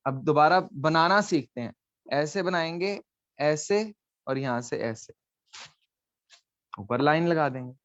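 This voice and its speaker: A man leads a live online class, explaining each letter patiently and checking that students follow. His voice sits a touch high and sounds close and dry. The call audio comes through dull and lo-fi. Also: dry recording. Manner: patient, coaxing, mixes in English phrases. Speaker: online language teacher.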